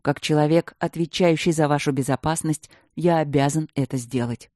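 A narrator playing a loyal, devoted male guard captain who speaks slowly and earnestly. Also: mid-range voice, steady tone, a little mellow, no echo, clean studio sound, lightly acted.

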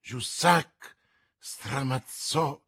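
A man narrating an adventure novel aloud in a theatrical, unhurried reading style. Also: medium pitch, a bit bright, husky. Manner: theatrical, unhurried, swelling with the action. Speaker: audiobook narrator. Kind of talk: dramatic audiobook reading.

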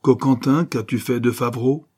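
A man's voice: medium pitch, a little fast, mellow, breathy edge, pitched above the performer's own voice, lightly acted. A man voicing a scheming adventuress who talks in an insistent, theatrical, accusing way. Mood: menacing. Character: scheming adventuress, sharp and menacing woman.

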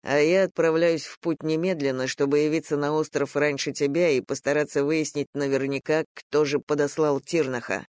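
A reader voicing a stern, protective grown man, a warrior, speaking slowly and firmly in an audiobook. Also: a little high, fairly even intonation, darkish tone, clean tone, dry recording, studio quality, close to an everyday voice. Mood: urgent. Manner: slow, grave and firm.

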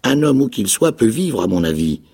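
An actor playing a ragged, half-mad old marooned pirate with a raspy, creaking voice, pleading and eager in a dramatic radio reading of a novel. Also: male voice, moderate pace, full character voice. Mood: wistful pleading. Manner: high, pleading, eager voice with excited leaps.

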